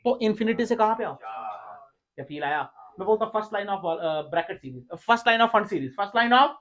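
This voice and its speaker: A man's voice: high-pitched, measured pace, fairly bright tone, muffled recording. A man teaching physics in a classroom lecture. He keeps firing questions at his students, teasing them and scolding them as he goes. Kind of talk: classroom lecture with call-and-response.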